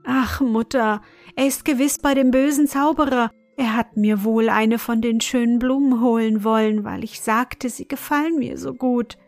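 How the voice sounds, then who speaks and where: A woman's voice: on the high side, fairly even intonation, moderate pace, no room sound, soft background music, lightly acted. A woman doing a frightened pleading young girl. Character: frightened young girl longing for her friend.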